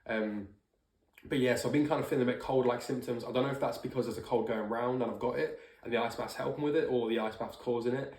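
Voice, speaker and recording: A man speaks quickly in a casual, informal vlog style, as if checking in with his followers. His pitch is ordinary for a man and he swears now and then. The room adds a clear echo to his voice. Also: steady tone, a little mellow. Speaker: vlogger doing a personal challenge check-in. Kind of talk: casual talk to camera. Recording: roomy indoor echo.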